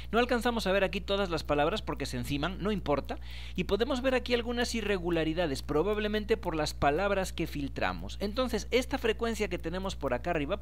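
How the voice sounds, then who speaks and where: Man explaining a screen tutorial. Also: fairly high pitch. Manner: explanatory, addresses viewers directly. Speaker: instructor.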